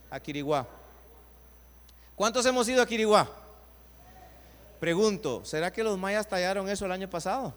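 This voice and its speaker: A man, a pastor preaching a sermon, putting rhetorical questions to his congregation and swinging between loud emphatic lines and quiet low asides. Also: clear, resonant tone. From Guatemala. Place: church sanctuary. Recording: long reverb of a church hall.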